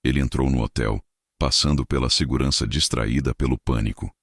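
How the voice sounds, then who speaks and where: A man narrating a scripted dramatic story in a measured way. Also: extremely low pitch, steady tone, fairly bright tone, slightly rough, no room sound, studio quality.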